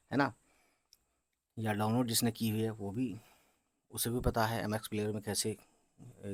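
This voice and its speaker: Guy teaching urdu reading, slow spelled-out letters, keeps asking "right?", dry close sound. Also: on the low side, dry recording. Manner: explains patiently, often checking with "है ना?" and "ठीक है?"; drawls sounds out slowly while spelling.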